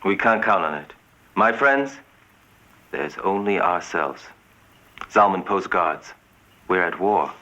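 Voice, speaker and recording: An actor playing a solemn, resolute resistance leader in a film drama, speaking in measured phrases. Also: male voice, low-pitched, expressive, bright, forceful tone, exaggerated voice. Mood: grave, resolute. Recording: dull, lo-fi film soundtrack.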